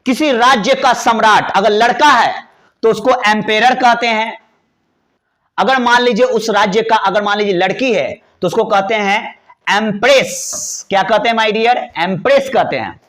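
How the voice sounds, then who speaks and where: High-voiced man teaching English words. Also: a bit bright. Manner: chatty and playful, spells words letter by letter, drawls key words slowly. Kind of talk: classroom lesson explaining vocabulary.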